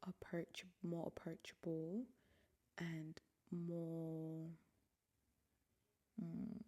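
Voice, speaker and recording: In a deep, dark-toned voice, a young African woman hosts her solo podcast, drawing out her words in a monotone. The casual monologue is candid and reflective, with her voice often falling to nearly a whisper.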